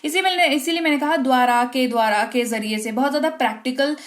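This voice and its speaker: High-voiced woman teaching vocabulary. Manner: explains patiently, slowly dictates example sentences; asks the class quick check-in questions. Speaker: English teacher. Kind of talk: online vocabulary lesson.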